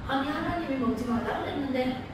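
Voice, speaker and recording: A woman's voice: high voice, fast, background noise, natural voice. Hesitant wavering young woman eve, a lady preacher doing her, echoey church. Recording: echoey church hall, distant mic.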